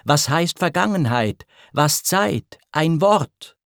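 A man's voice: on the high side, animated, takes it slowly, gravelly, fairly bright tone, dry recording, clean studio sound, voice pushed up, heavily acted. A man reading a verse poem, voicing the jilted, proud goddess queen Hera in a raised, pleading tone.

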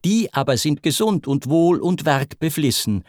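A man's voice: on the high side, lively intonation, moderate pace, a little mellow, no echo, clean studio sound, lightly acted. A man voicing two pale, frightened royal servants reporting grim news.

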